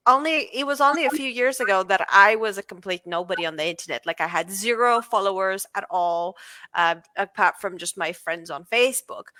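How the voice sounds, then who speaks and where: A woman in her thirties, originally from Bulgaria, chatting as an interview guest in an upbeat, lively way with plenty of fillers. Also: mid-range voice, no room sound. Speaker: guest, content marketing coach. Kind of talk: casual interview chat.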